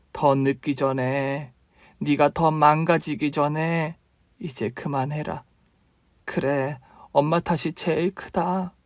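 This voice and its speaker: A man voicing a sick, elderly mother who pleads softly and slowly with her son in a story radio drama. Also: a little high, no room sound, clean studio sound. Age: older. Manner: soft, slow, pleading. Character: frail sick elderly mother, sorrowful and tender.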